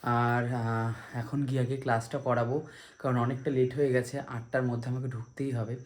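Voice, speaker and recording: A dance teacher and vlogger from India chats casually in a Kolkata Bengali accent, rambling and working in English phrases. He speaks at a moderate pace in a mid-range voice with little pitch movement.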